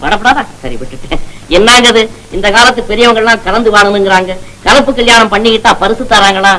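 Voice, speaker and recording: A man's voice: high-pitched, fast talker, bright, forceful tone, low-quality recording. An actor playing a bumbling, talkative male shop worker who rambles and pleads under police questioning, in old film comedy style. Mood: joking. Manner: rambling, evasive and pleading, comic patter. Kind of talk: 1950s film comedy acting.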